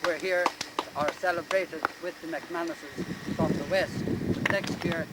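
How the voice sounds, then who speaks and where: A man acting as clan storyteller gives a formal, courteous, halting address outdoors. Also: fairly high pitch, fairly even intonation. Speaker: clan storyteller giving thanks. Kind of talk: outdoor ceremonial address, semi-improvised. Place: outdoors in open countryside. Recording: noisy outdoor amateur recording with clicks.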